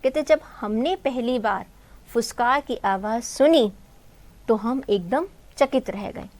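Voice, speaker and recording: A woman's voice: fairly high pitch, takes it slowly, a little mellow. A woman teacher who retells a textbook story for students, asking questions and answering them herself. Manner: calls students "beta" and "bhai". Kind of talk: explaining a textbook story in Hindi.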